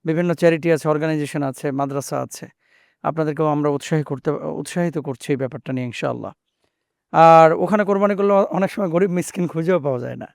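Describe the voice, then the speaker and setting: A man's voice: fairly high pitch, fast talker, vocal fry, no room sound, studio quality. A man hosting a religious interview, asking questions respectfully and affirming often. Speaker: show host asking questions.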